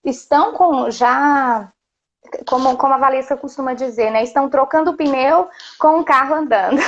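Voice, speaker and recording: A woman's voice: high-pitched, moderate pace. A woman hosting a live-stream interview, chatty and hesitant with fillers. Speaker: host. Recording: dull lo-fi sound.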